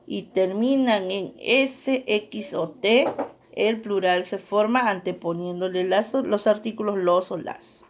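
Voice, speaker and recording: A woman teacher giving a grammar lesson, reading out rules and examples and often checking in with her listeners. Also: medium pitch. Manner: slow, deliberate, checks in with listeners.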